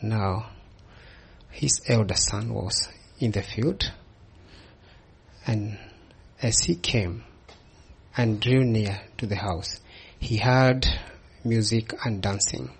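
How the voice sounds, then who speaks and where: A man with a gravelly, raspy voice reads scripture aloud in short, halting phrases. He restarts lines and pauses often so that an interpreter can follow him. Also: on the low side. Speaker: preacher. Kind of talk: sermon with live interpretation.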